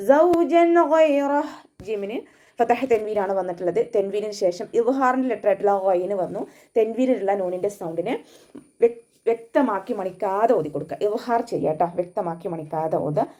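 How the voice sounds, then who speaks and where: A woman teaching Quran recitation step by step, chanting the verses in a high melodic tone between patient explanations. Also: warm tone. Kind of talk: tajweed lesson, recitation and explanation.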